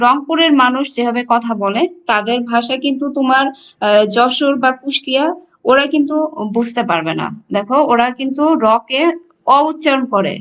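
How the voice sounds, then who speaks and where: Woman, high voice, patient teacher explaining to students, dull lo-fi recording. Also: a bit bright. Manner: explanatory, addresses students directly, frequent fillers. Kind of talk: online class lecture. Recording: dull lo-fi audio.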